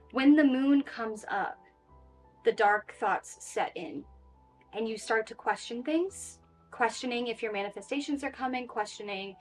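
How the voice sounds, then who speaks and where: A woman giving a casual, reassuring tarot reading in a chatty way, with frequent fillers. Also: fairly high pitch. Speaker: tarot reader.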